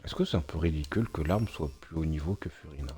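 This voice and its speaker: A man's voice: a bass voice, quick pace, mellow, slightly rough, faint music behind. A man streaming a video game, muttering to himself in a hesitant, casual way and chatting with his viewers. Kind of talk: casual gameplay live-stream commentary.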